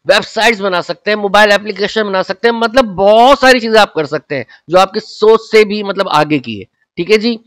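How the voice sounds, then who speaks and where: A chatty male Photoshop instructor with a high, fairly bright voice gives a casual tutorial, walking through his screen. He often repeats "ठीक है" and "जनाब", and there's no echo.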